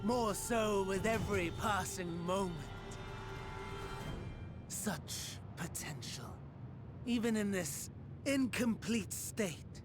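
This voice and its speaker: An actor playing a theatrical, menacing and bitter male game villain who delivers grandiose monologues with slow menace. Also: high voice. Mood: brooding menace. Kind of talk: dramatic video game voice acting. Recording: loud music under the voice.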